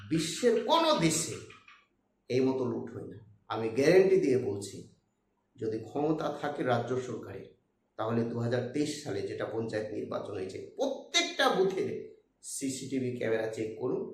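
A man's voice: medium pitch, darkish tone, echoey room. A man giving impassioned political commentary, talking emphatically to his viewers.

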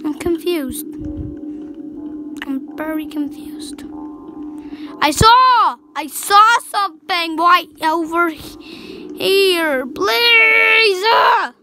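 High-voiced excitable woman gaming. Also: extremely slow, pauses often, rough recording. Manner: excitable, swings between yelps and hushed whispers. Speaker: gameplay commentator. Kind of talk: let's play commentary. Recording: game music playing clearly behind the voice.

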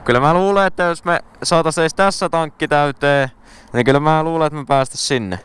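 A man's voice: fairly high pitch, clear, resonant tone. A young Finnish man chatting casually while riding a motorbike, easygoing with dry humor, recorded outdoors on a ride-along camera mic. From Finland. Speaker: motorcycle vlogger. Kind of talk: casual on-the-road commentary. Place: outdoors riding a small motorbike on open roads. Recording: loud engine and wind noise outdoors. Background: motorcycle engine and road noise.

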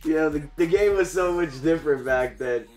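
A man's voice: on the high side, moderate pace, darkish tone, faint music behind. A man streaming a game, chatting casually and slangily with his viewers in a laid-back way. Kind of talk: casual livestream chat.

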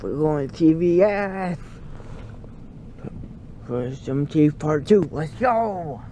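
A man's voice: fairly high pitch, expressive, slow pace, mellow. A teenage male, groggy and numb-mouthed from anesthesia, rambling goofily into a phone in a car. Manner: goofy, disjointed rambling. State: groggy and loopy from anesthesia, mouth numb after dental surgery. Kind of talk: rambling casual selfie vlog. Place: inside a moving car. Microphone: phone at arm's length. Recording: muffled phone audio with car road noise.

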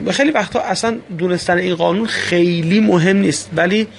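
A man's voice: sits high, gravelly, slight background noise. A man teaching a language lesson, explaining patiently step by step with frequent hesitations.

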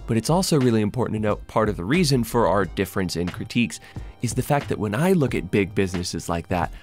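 Talking fast and expressively in a voice on the low side, this video commentator delivers sardonic, sweary, informal opinion commentary over background music.

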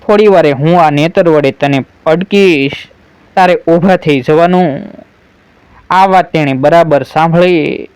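A man narrating a folk tale in an unhurried storytelling manner, reading every character's lines in his own voice. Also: on the high side, darkish tone, clear, resonant tone, no room sound.

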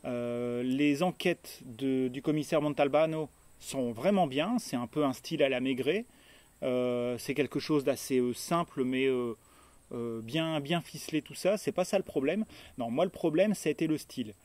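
A man's voice: mid-range voice, moderate pace, a little mellow, no room sound. A man chatting casually about books in a vlog, with lots of hesitations and fillers. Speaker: book vlogger. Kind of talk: casual book review vlog. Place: holiday stay in Tuscany.

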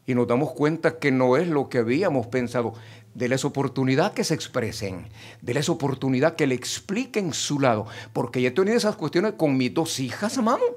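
Animated pastor preaching. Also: male voice, mid-range voice, fairly quick. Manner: emphatic preaching, addressing the congregation directly. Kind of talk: sermon.

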